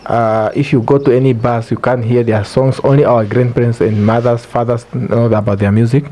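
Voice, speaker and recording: A man with a Namibian accent talks as a guest on a podcast. His voice is soft-edged and dark, at an average male pitch. He explains his points earnestly in a conversational way. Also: flat delivery, brisk. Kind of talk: casual explanatory interview talk.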